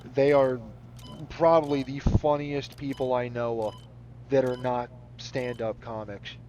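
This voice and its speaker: A man's voice: mid-range voice, little pitch movement, a little slow, background noise. A man chatting casually while playing a game, rambling, laughing often and swearing freely. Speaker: gaming channel host. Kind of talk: casual commentary over gameplay.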